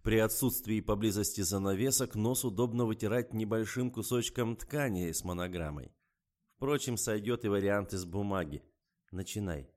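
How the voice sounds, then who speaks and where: A man reading an audiobook, voicing a calm, precise male publisher with a lightly ironic manner. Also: lowish voice, moderate pace, close to an everyday voice.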